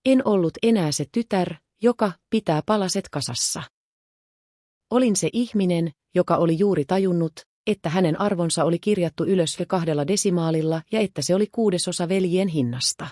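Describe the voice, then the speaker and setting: A woman narrating a first-person story in a calm, measured way. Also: fairly low pitch, no room sound, studio quality.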